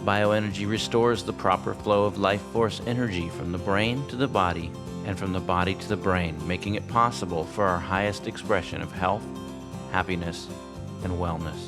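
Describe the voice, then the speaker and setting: A man giving a scripted promotional voice-over in a measured, earnest way. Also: low voice. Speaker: narrator. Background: guitar music.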